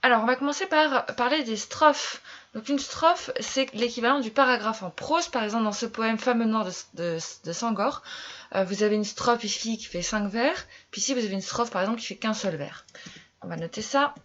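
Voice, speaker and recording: A woman's voice: a little high, moderate pace, a bit bright, muffled recording. A woman teacher giving a classroom lesson, repeating key terms and quizzing her pupils as she explains. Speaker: French literature teacher.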